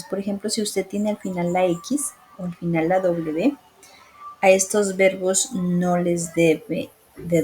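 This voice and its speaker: A woman's voice: lowish voice, background noise. A woman teaching English grammar in a patient tone. She walks through the rules step by step and often stops to check that her students are following.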